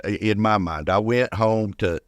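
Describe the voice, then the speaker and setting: A little slow and lowish in voice, the older guest, a retired firefighter, recounts personal stories in a casual interview, with plenty of repeated words. The recording is dry.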